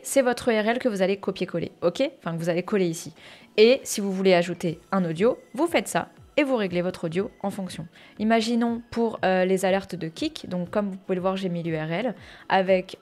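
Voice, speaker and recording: Chatty woman explaining streaming software. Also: medium pitch. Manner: chatty, many fillers, addresses viewers as "les gars". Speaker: streamer giving a software tutorial. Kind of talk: casual screen-share tutorial. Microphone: headset or desk mic with earphones.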